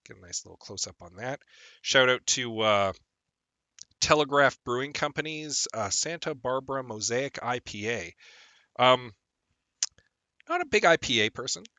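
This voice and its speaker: This young man is chatting casually while streaming a game, rambling along with plenty of ums and sounding a bit phlegmy from a lingering cold. His medium-pitched voice has a sharp tone and lively intonation, moving at normal speed with frequent pauses. There's no echo.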